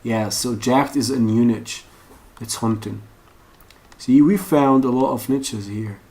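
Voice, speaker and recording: Keyboard and mouse clicks sound throughout a noisy room as a man at his computer, an online course instructor, talks in a mid-range, slightly mellow voice at a slow pace. His unscripted screen-share tutorial is casual and rambling, with him thinking aloud as he searches.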